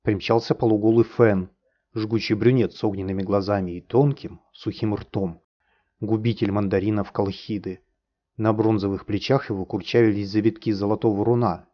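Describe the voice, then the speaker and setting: A man narrating a fairy tale in a theatrical, vivid reading. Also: on the low side. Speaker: audiobook narrator. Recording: dull lo-fi recording.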